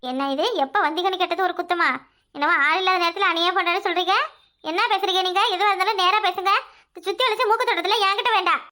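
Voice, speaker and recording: A woman with a southern Tamil village dialect voicing a jealous, sharp-tongued older wife who scolds sarcastically in a cartoon. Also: very high voice, fairly even intonation, quick pace. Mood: scolding. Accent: southern Tamil Nadu village dialect. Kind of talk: cartoon voice acting.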